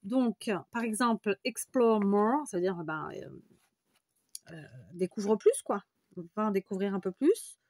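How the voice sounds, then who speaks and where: A woman's voice: mid-range voice, expressive, measured pace, dark tone. Chatty woman doing a craft tutorial. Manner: chatty, thinking aloud, talks to herself.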